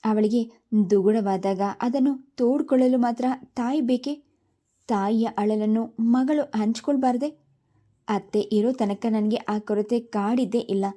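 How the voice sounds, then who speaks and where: A woman narrating a family story in the first person, with a steady, reflective delivery. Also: fairly high pitch, measured pace.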